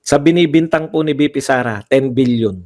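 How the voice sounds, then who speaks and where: A man's voice: mid-range voice, moderate pace, darkish tone. A man giving heated livestream political commentary, firing off rhetorical questions and repeating phrases for emphasis.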